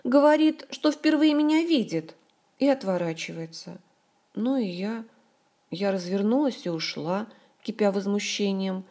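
An emotional, chatty young woman, as a female audiobook narrator puts her on, pouring out her story in rushes and exclamations. The voice sits higher and louder than the narration and leaps around expressively, though the tone stays soft and mellow. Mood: indignant. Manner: excitable, talks in rushes and exclamations. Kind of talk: audiobook character voice.

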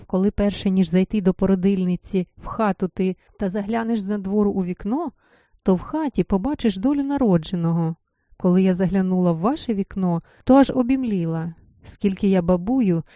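A woman voicing an old village midwife who speaks in a hushed, mysterious storytelling way. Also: medium pitch, dry recording, clean studio sound, lightly acted.

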